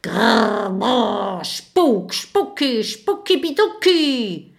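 A woman doing a stammering little ghost, squeaky and loud. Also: sing-song, very slow, exaggerated voice. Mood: eerie spooky. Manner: stammering, forgetful of names. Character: shy clumsy little male ghost.

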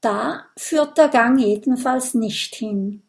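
A clever little boy dragon from a children's storybook, calm and resourceful, as a woman reads him. He explains things in a slow, bright-pitched voice. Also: creaky.

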